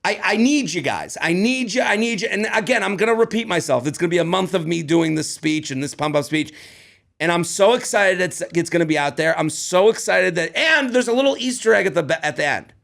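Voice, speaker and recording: A man in his thirties, a comedian co-hosting a podcast, chatting casually and rambling excitedly as he promotes his work. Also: high-pitched, fairly quick, creaky. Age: 30s.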